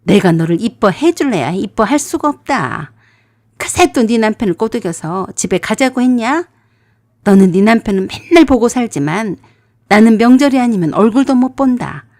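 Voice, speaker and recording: A woman's voice: mid-range voice, expressive, moderate pace, no echo, studio quality, close to an everyday voice. A woman voicing a harsh, scolding middle-aged mother-in-law in a storytelling radio drama. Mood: furious. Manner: sharp, scolding, shouting.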